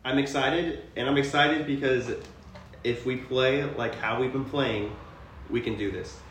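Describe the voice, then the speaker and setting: A man's voice: medium pitch, fairly even intonation, a little slow, a bit bright, far from the mic. A man on a sports podcast panel, chiming in cheerfully with jokey remarks. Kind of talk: casual sports podcast chat. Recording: roomy, off-mic, faint noise.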